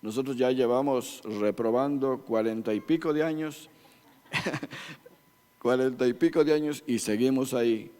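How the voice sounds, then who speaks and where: A man's voice: medium pitch, normal speed, few pauses, dark tone. Joking Ecuadorian man preaching in a hall. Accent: Ecuadorian Spanish. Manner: folksy and joking, addresses listeners as beloved brothers. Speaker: church couples-ministry speaker. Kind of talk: preaching to a congregation. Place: church meeting room. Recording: reverberant church hall.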